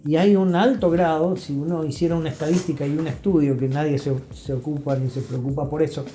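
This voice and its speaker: An older man with an Argentine accent speaks as a guest therapist in a reflective interview. His fairly high voice is soft-edged, mellow and steady, and he talks fairly quickly, emphatic and didactic, repeating phrases. The room has an echo, with faint music underneath.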